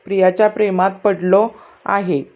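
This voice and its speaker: A woman voicing a calm young married man in a spoken romance story, talking slowly and gently. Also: mid-range voice, lo-fi sound, natural voice. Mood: nervous.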